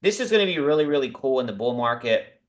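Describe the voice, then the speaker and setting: Male stream host, excitable and chatty, mid-pitched, room echo on the voice. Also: quick pace. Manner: excitable, talks to viewers directly with many asides. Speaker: crypto livestream host. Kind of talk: casual livestream talk about investing.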